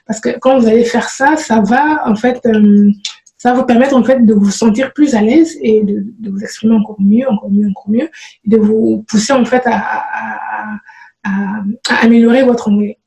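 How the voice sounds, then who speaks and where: A woman talks to her viewers in a relaxed, halting way, full of fillers and restarted phrases. Her voice sits a little high but sounds dark and mellow. The recording has a noticeable room echo. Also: vocal fry. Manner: hesitant, many fillers and restarts. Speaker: programming vlogger. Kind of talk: casual spoken advice to viewers.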